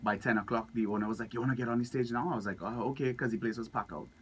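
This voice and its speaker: A man's voice: medium pitch, very fast, a bit bright, slight background noise. A young Trinidadian man chatting casually as a musician guest in a radio interview, upbeat and laughing easily. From Trinidad and Tobago. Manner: upbeat, laughs often, acts out other people's lines.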